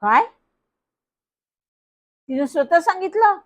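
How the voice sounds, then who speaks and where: A woman voicing a shrill, scolding middle-aged aunt who shrieks and accuses down the phone. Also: very animated, slow pace, exaggerated voice.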